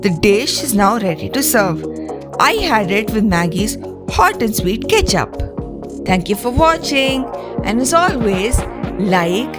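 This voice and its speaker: A woman from India, reading calm, step-by-step recipe instructions in a scripted voice-over. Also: medium pitch, slow. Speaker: cooking channel host. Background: clear background music.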